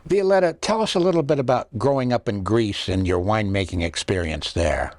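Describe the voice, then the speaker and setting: A man's voice: fairly low pitch, animated, brisk, over loud music. A man hosting an interview in a studio, reading a scripted introduction and asking questions. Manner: scripted introduction, brief listening affirmations. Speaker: host.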